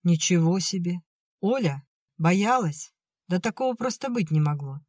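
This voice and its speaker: A narrator playing a gentle young brother who speaks mildly and pleads. The read is close and dry, an audiobook voice in the middle range. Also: mid-range voice, lively intonation, measured pace, no echo. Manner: mild and pleading.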